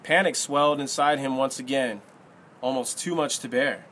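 A man reading an audiobook as narrator in a steady, even storytelling manner. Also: mid-range voice, moderate pace, slight background noise.

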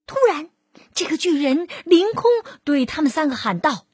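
A woman narrating a children's storybook in an expressive, drawn-out manner. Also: high voice, no echo, studio quality.

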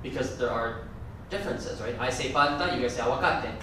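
A man with a mid-range voice talks a little fast over a noisy background. His conference talk is casual and meandering, full of mid-sentence corrections, and Gujarati is his native language; the large hall echoes and the mic is distant.

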